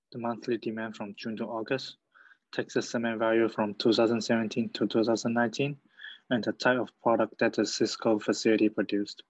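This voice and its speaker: A man student presenter reading his part of a project presentation in a plain, halting way, on a dull lo-fi recording. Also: fairly low pitch, no echo.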